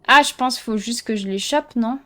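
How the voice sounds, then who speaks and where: A woman's voice: fairly high pitch, normal speed, a bit bright. A woman commenting as she plays a horror video game, joking and teasing herself, sometimes tripping over words she reads aloud. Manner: joking, self-mocking, stumbles over read-out text. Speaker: gameplay streamer. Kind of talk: let's play commentary.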